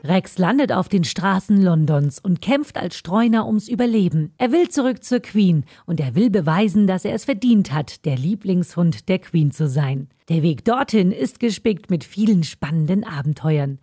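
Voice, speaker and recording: A woman's voice: lowish voice, animated, normal speed, hardly any pauses, warm tone, husky, dry recording, clean studio sound. A woman narrating a scripted film promotion as an advert narrator.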